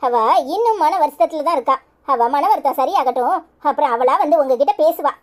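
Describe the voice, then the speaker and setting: A woman voicing a shrill scolding cartoon mother. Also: expressive, brisk. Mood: soothing. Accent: Kanyakumari Tamil. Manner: scolding, firm. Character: sharp-tongued cartoon mother, Aisu. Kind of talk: cartoon voice acting.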